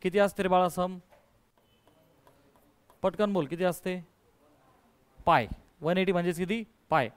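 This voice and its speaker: A man's voice: sits high, clean tone, dry recording. A male math teacher giving a call-and-response lesson, coaxing and quizzing his students and mixing in English terms. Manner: coaxing, quizzes students, calls them dear.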